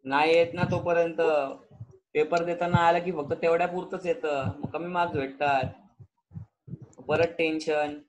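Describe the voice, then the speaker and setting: High-voiced man teaching accounts online. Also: little pitch movement, normal speed, a little hiss or hum, poor audio. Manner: switches between Hindi, Marathi and English, questions students often. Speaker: commerce teacher.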